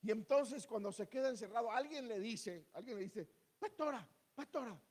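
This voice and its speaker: A man's voice: high voice, fairly quick, darkish tone. A man preaching a sermon in a church, standing before the congregation and asking rhetorical questions. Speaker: pastor.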